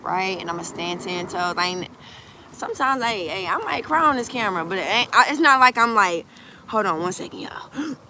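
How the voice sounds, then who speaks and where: A woman giving a casual, animated tarot reading outdoors by the water into a phone camera, swinging between hushed and loud. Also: medium pitch, normal speed, noisy background. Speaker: tarot reader. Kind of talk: casual emotional tarot vlog.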